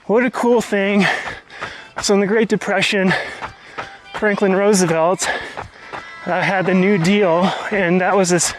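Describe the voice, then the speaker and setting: A man's voice: high voice, steady tone, unhurried, soft background music, low-quality recording. A man hosting a vlog, talking casually and explaining things as he goes, recorded outdoors on a trail. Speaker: vlog host.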